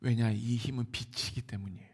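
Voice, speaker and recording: A man with a Seoul Korean accent preaching a Sunday sermon, moving between hushed near-whispers and loud exclamations. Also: mid-range voice, fairly even intonation, brisk, slightly rough. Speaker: pastor.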